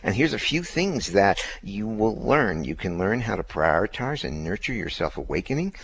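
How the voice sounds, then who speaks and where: Deep-voiced man radio co-host. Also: moderate pace, slightly rough. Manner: even, steady reading of promos. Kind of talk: radio announcing.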